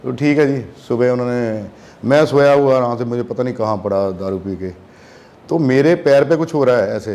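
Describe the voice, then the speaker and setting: A man's voice: medium pitch, moderate pace. A young man telling a long story in a casual chat, acting out the voices of the people in it. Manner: animated, acts out voices in quotes. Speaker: guest musician.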